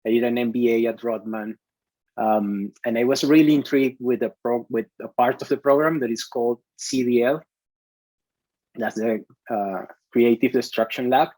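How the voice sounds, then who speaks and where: A man's voice: medium pitch, steady tone, moderate pace, a little mellow, no room sound, low-quality recording. Venezuelan-born man, dry close voice. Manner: hesitant, many restarts and fillers. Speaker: CTO, interview guest. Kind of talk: conversational interview.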